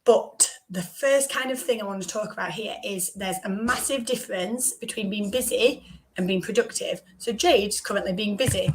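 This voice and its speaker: Croaky woman on a live stream. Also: mid-range voice, normal speed, a little hiss or hum. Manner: chatty, frequent asides to viewers. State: croaky, recovering voice. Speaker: small business coach hosting a live stream. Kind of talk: casual live-stream talk.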